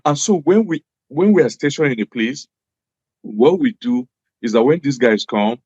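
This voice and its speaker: A man's voice: mid-range voice, animated, moderate pace, darkish tone, husky, no room sound, dull audio. A man from Nigeria, a native Hausa speaker, speaks English with a Hausa accent in an earnest, emphatic interview style, repeating phrases for stress. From Jos, Nigeria. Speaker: interview guest, former government official.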